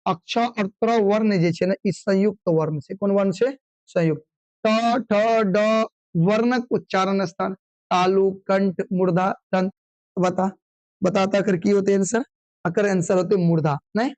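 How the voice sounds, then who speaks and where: A man's voice: sits high, steady tone, darkish tone, no echo, poor audio. Guy teaching online revision, fires questions and answers them himself, kinda scolding, dry close sound. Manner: drilling call-and-response questions, brisk and scolding. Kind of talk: online exam revision class.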